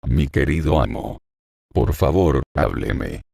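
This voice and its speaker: A man's voice: very deep voice, animated, slow pace, gravelly, warm tone, breathy edge, no room sound, studio quality, exaggerated voice. A man reading the part of a loyal young male servant in an audiobook, pleading earnestly with his old master.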